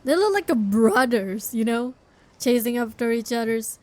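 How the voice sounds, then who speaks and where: This game streamer, a woman, chats through her gameplay in casual, informal non-native English over video game music. She sounds animated and a little mellow, with a fairly high pitch and a moderate pace.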